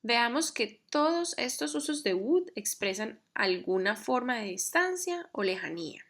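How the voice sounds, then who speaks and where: A woman teaching a grammar lesson, explaining carefully and reading example sentences slowly. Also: a little high, big pitch swings, fairly bright tone. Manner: measured, reads English examples slowly and carefully. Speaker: English teacher.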